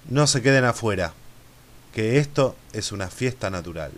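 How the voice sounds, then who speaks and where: A man with an Argentine accent and lisping s sounds, hosting a podcast casually in a drawn-out, dramatic way. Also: lowish voice, animated, fairly bright tone. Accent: Argentine Spanish. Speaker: podcast host.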